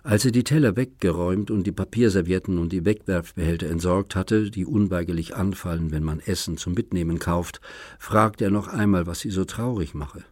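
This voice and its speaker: A man calmly narrating a German audiobook in an even, scripted way. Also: low voice, a little fast, no echo, studio quality.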